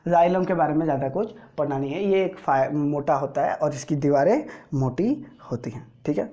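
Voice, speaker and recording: A male teacher with an Indian accent, giving a slow board lesson to school students and checking often that they follow. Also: on the high side, animated, warm tone, lo-fi sound. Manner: explains slowly, drawing as he speaks, keeps checking understanding.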